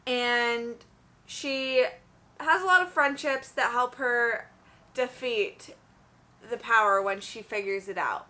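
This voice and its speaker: A woman's voice: on the high side, slow, sharp tone. A young woman chatting casually about books in a review vlog, gushing and full of "like"s. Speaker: book reviewer.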